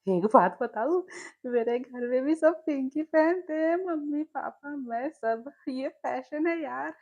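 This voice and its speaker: A woman's voice: sits high, lively intonation, unhurried, darkish tone, dull audio, voice pushed up. Woman doing a boisterous, mocking young guy. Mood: teasing. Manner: teasing, boisterous, laughing. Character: mocking young male neighbor, laughing loudly.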